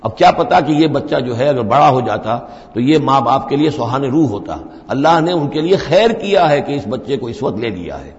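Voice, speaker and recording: A man teaching scripture in a long, echoing hall, his voice gravelly and edged with fry. He chants each verse slowly, then breaks it down in a long explanation. The recording is dull and lo-fi. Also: a little high. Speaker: religious teacher. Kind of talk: scripture commentary lecture.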